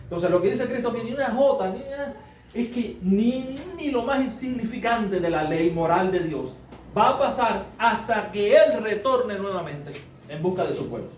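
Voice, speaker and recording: Male preacher, high voice, teaching sermon with rhetorical questions; distant mic, echoey room, faint noise. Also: lively intonation, moderate pace, a little mellow. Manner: explains step by step, asks rhetorical questions. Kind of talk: sermon, Bible study teaching.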